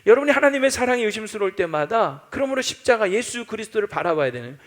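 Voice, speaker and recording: A man's voice: high-pitched, big pitch swings, fast talker, a bit bright. A male pastor preaching a sermon, acting out doubting voices and quoting scripture as he goes.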